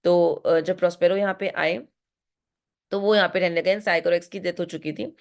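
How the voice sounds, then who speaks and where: An Indian woman teaching literature, mixing Hindi and English as she goes through a play line by line and slowing to read the quoted lines aloud. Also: lowish voice, steady tone. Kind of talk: line-by-line text explanation.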